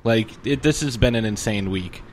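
A man's voice: on the low side, moderate pace, rough recording. A man hosting a casual podcast, bantering with co-hosts in a joking, sardonic manner. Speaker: podcast host. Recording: clear background noise.

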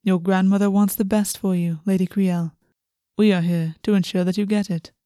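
A woman plays an aristocratic fae man from a fantasy audiobook. The voice is soft-edged and mellow, calm and courtly, with measured formal phrasing and a quietly sinister politeness, recorded close and dry. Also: mid-range voice, no echo, close to an everyday voice. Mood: courteous, composed.

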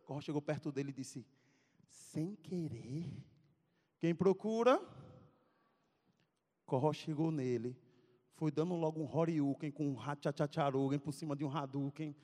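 Animated preacher, high voice. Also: male voice, brisk. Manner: animated, acts out scenes, calls out to audience. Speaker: youth preacher. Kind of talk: sermon with comic storytelling. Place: church sanctuary. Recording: long reverb of a church hall.

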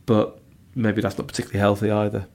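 A man's voice: lowish voice, level tone, quick pace, a little mellow. A man chatting candidly on a podcast, rambling through memories with plenty of fillers. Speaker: podcast co-host, father of two. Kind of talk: casual podcast chat.

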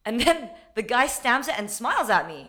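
Animated woman telling a story with swearing. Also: a little high, normal speed. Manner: animated, swears a lot, acts out quoted lines. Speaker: podcast co-host. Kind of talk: casual storytelling chat.

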